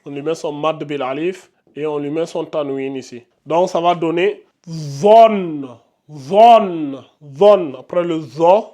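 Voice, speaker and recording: A man gives an Arabic reading lesson, his voice sitting a touch high. He drills each letter's sound aloud and keeps checking in with his viewers. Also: a bit bright. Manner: addresses viewers directly, frequent checks. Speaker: Arabic teacher. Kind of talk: whiteboard lesson.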